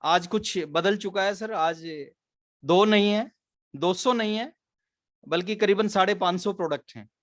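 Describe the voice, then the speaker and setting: High-voiced earnest man. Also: unhurried, fairly bright tone, no echo, clean studio sound. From Haryana, India. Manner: earnest storytelling, mixes English words into Hindi. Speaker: business trainer. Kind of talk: motivational training talk.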